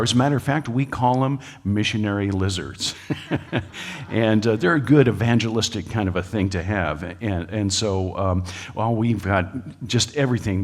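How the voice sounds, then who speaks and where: A man's voice: lowish voice, big-room sound. A man giving a public lecture to a live audience, folksy and joking, with frequent filler uhs. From United States. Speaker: speaker at a creationist talk. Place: lecture hall.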